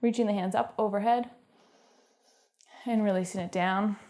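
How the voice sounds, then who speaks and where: A young woman with a Canadian accent guiding a home workout, giving encouraging cues and calm stretching instructions. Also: medium pitch, moderate pace. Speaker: fitness instructor.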